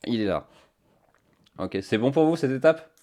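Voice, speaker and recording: A man's voice: mid-range voice, expressive, normal speed, mellow. A man chatting casually to his stream viewers, thinking aloud with many fillers on a cheap microphone. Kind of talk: casual live-stream chat.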